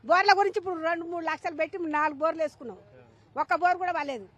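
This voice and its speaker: A woman's voice: very high-pitched, rapid-fire, fairly bright tone, muffled recording. A woman farmer with a Telangana Telugu accent, speaking outdoors in a news interview in a pleading, aggrieved way. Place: outdoors among fields.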